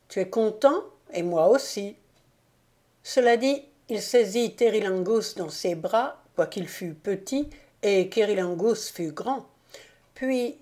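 Slow, measured woman audiobook reader. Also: mid-range voice, darkish tone. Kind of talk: audiobook narration.

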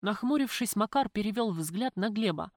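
A woman narrating a first-person audiobook in an even, plain storytelling manner. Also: medium pitch, normal speed, no echo, clean studio sound.

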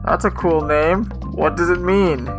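A man's voice: fairly high pitch, steady tone, a little slow, music in the background. A man voicing a young woman who talks in a muffled voice through a boogeyman mask, chatting casually at a bar. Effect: muffled, as if talking through a mask. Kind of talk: reading a story aloud.

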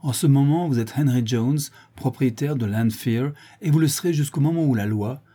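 A stern middle-aged country lawyer, read by a man in an audiobook presses his questions one after another, coldly and without mercy. The voice is warm and mellow, with a husky grain. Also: medium pitch, normal speed, pitched above the performer's own voice, close to an everyday voice. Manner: cold, hammering cross-examination.

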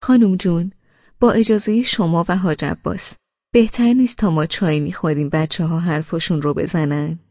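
A woman's voice: fairly low pitch, a little mellow, no room sound, lo-fi sound. A woman voicing a genial older man, a family patriarch who jokes politely.

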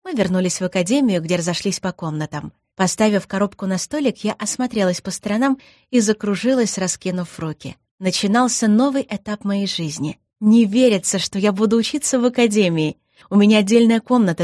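Give me a woman narrating a first-person fantasy audiobook with a lively, expressive read and a dry, close sound. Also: medium pitch, a little fast, dry recording.

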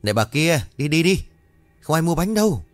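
A man's voice: fairly low pitch, expressive, brisk, dry recording, soft background music, natural voice. A male storyteller voicing a middle-aged woman who runs a café, scolding and gossiping in a horror audio story.

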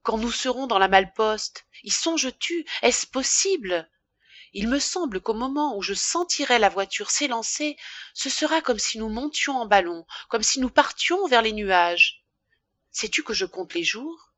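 A woman's voice: a little high, lively intonation, a little slow, fairly bright tone, no room sound, pitched above the performer's own voice. A woman reading an audiobook voices a young wife who pleads passionately and breathlessly with her lover to run away. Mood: dreamy, eager. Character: Emma, desperate young wife pleading to flee. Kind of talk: audiobook character voice.

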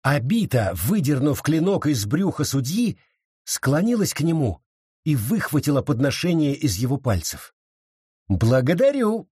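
Brief: male narrator, husky, lively pitch, dramatic reading, dry studio. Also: normal speed, dry recording. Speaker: audiobook narrator. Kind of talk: scripted narration.

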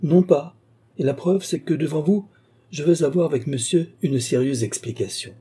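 A man's voice: a little high, normal speed, warm tone, slightly rough, voice pushed up. A man voicing a haughty, lofty older cardinal in a classic novel reading.

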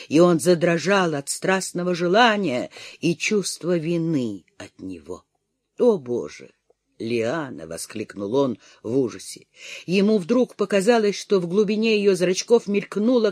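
An audiobook narrator reads a romance novel with dramatic expression. The voice sits at a middle pitch and swings widely in intonation. The sound is close and dry, with no room echo. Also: a little mellow.

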